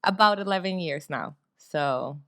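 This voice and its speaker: Fast-talking Spanish-native woman host. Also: low voice, animated. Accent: South American Spanish. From South America. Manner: fast-talking, warm, laughs often. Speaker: podcast host. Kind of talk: casual interview chat.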